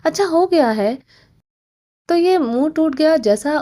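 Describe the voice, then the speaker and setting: A woman voicing an impulsive, quick-tempered young wife who pleads, scolds and teases in a romance audiobook. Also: sits high, lively intonation, warm tone, voice pushed up. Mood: angry. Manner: pleading then scolding, teasing.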